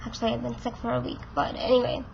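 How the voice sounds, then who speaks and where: Congested and losing her voice, a woman in her twenties vlogs frankly and chattily, filling gaps with fillers. She speaks quickly in a gravelly, high-side voice with a level tone. The highs are cut off and there's slight background noise.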